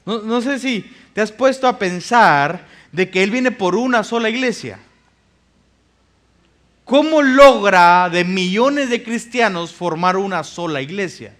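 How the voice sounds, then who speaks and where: A man's voice: high-pitched, animated, measured pace, a bit bright. A male pastor preaching a sermon, reading scripture aloud and putting rhetorical questions to the congregation. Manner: reads scripture passages aloud.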